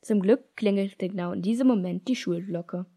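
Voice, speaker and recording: A woman from Germany reading aloud a children's story she wrote herself, in a lively storytelling manner. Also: medium pitch, moderate pace. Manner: lively storytelling, switches into character voices. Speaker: author reading her own story.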